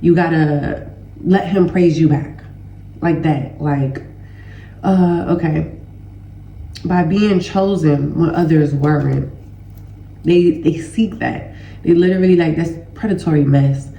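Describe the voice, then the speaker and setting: Deep, gravelly, and warm, this woman's voice moves slowly with long pauses, and she sounds congested and hoarse from a sore throat. Acting as a healing educator and host, she chats loosely with viewers and addresses them as "y'all." The audio is dull, with a roomy echo and a little hiss or hum.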